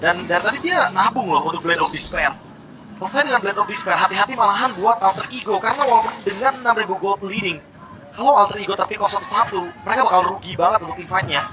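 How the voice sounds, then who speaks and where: A man's voice: high voice, fast talker, music in the background. A man working as an esports caster, giving casual, analytical match commentary. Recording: very noisy live event sound.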